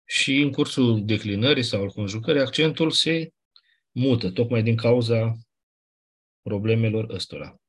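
A man's voice: mid-range voice, breathy edge. A man teaching a class, explaining grammar rules patiently and repeating the key points. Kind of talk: classroom lecture on Ancient Greek accents.

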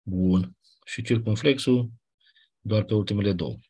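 Patiently laying out grammar rules and going over the key points again, a man lectures a class on Ancient Greek accents. He speaks in a warm, husky voice on the low side.

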